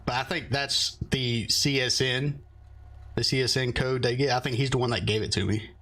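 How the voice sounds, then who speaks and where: A relaxed man talks easily with a friend during an online roleplay session. He speaks at a middle pitch and fills his pauses with hesitant ums and uhs. His voice comes through a close headset mic. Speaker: roleplay streamer. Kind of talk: casual in-game voice chat.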